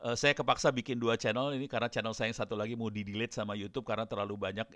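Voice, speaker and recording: A man's voice: on the low side, flat delivery, rapid-fire, a bit bright, no room sound. A middle-aged man giving a casual, chatty lecture to students while demonstrating on screen, often laughing between points. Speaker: guest lecturer.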